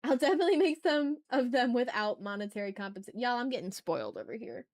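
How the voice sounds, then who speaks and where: Her voice is a little high and darkish in tone, with big pitch swings and a fast delivery. The woman hosts a casual art livestream, thinking aloud while drawing and chatting to viewers in gushing, informal slang.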